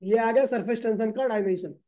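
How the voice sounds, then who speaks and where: A man's voice: high voice, a little fast, mellow. A man teaching physics in a classroom lecture. He asks the class questions and answers them himself, calling the students brother and kid.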